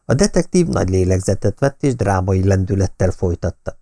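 A man reading an audiobook, telling a first-person story in a steady manner. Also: deep voice. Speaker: audiobook narrator.

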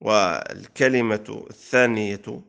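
A man teaching a classical grammar lesson, explaining and reciting verse in a measured way. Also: on the low side, fairly even intonation, creaky, fairly bright tone, smooth.

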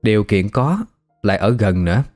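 A man, narrating a ghost story in a steady, measured way. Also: fairly low pitch, soft background music.

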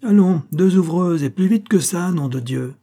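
A man's voice: medium pitch, lively intonation, fairly quick, warm tone, slightly rough. A man voicing a pompous, self-important theatre director in his fifties who bellows and swears. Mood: bellowing. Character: pompous loud fiftyish male theatre director.

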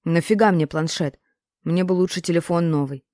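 A woman's voice: on the low side, normal speed, darkish tone, no echo, clean studio sound, lightly acted. A woman voicing a stubborn, hurt young boy who talks earnestly and defensively in an audiobook. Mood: sulky.

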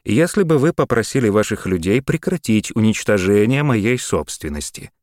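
A man voicing a cool, stern young male landowner with a measured way of talking, in an audiobook. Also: on the low side, big pitch swings, darkish tone, no room sound, studio quality, voice pushed up.

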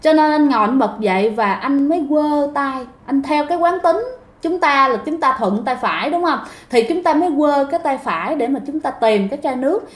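A woman's voice: sits high, animated, brisk. A woman telling a ghost story in a chatty, casual way, talking straight to her listeners. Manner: chatty, addresses listeners directly. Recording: roomy echo.

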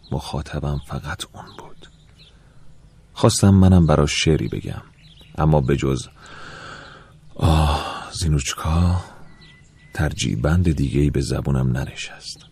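Male narrator, first-person story, extremely deep voice, breathy husky tone, wistful telling. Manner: soft, reflective, wistful telling. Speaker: audiobook narrator.

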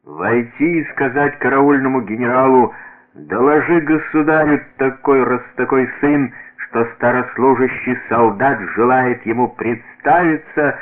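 A man voicing a proud, dying old veteran soldier who shouts and boasts in a radio reading. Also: mid-range voice, expressive, measured pace, pitched above the performer's own voice, lightly acted. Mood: boastful. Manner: shouting, boastful, breaking into coughs. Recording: tinny radio broadcast.

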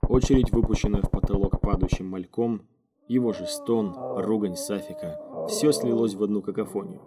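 A man narrating an audiobook in a steady, measured reading. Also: fairly low pitch, very noisy. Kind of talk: scripted narration. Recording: faint music underneath.

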